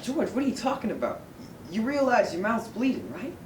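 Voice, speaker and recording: A man's voice: high voice, sing-song, brisk, a little hiss or hum. A man playing an easygoing small-town police officer in an amateur stage play, puzzled and matter-of-fact. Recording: echoey stage heard from afar.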